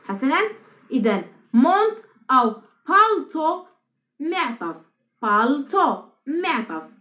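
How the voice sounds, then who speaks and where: A young woman from Morocco teaches vocabulary at a careful pace, repeating each word slowly and clearly. Her voice is high and moves freely up and down. The sound carries a noticeable room echo. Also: sing-song, pushed and bright. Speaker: Turkish language teacher. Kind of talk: vocabulary lesson with slow repetition. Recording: echoey room.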